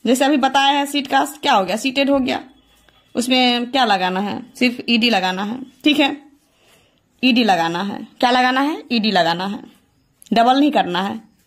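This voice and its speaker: A woman teaching English grammar, repeating each rule as a question and answering it herself. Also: a little high. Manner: repeats key points as questions to students; slow and deliberate, drawing out rule statements. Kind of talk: classroom lesson explaining verb forms.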